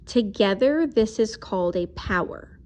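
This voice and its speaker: Female teacher, mid-pitched, patient, step-by-step math lesson voice, occasionally slows down while writing. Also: expressive, darkish tone. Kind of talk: recorded math video lesson.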